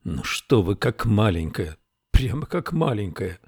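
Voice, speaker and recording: A kindly country gendarme speaks low and softly, calming and firm, as a male reader plays him. The voice sits deep and the recording is dry and close. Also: unhurried, slightly rough, dry recording, full character voice. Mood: soothing. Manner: low, soft, soothing.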